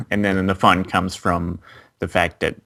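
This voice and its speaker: A man's voice: low voice, fairly even intonation, unhurried, gravelly, a bit bright. A man co-hosting an anime review, recapping the episode plot in casual chat with frequent fillers.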